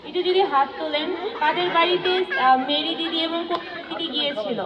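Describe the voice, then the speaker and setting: A woman with a very high voice interprets consecutively for an audience in everyday, colloquial wording. She is heard from a distance in an echoey room, with a crowd clearly audible behind her. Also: steady tone, fairly quick. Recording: echoey room from afar, muffled, crowd noise.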